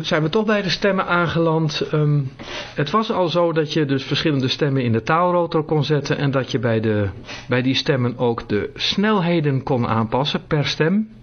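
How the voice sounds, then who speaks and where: A man talks a small group through a demonstration in a relaxed, halting way, often pausing on filler sounds. His pitch sits in the middle range. The recording is dull and lo-fi, with faint noise underneath. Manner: hesitant, many filler sounds. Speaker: presenter demonstrating phone features to a group. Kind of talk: casual spoken demonstration.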